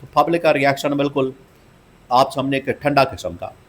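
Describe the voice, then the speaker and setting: A man's voice: medium pitch, normal speed, fairly bright tone. A man giving opinionated political commentary, emphatic and scornful, and he repeats phrases for stress.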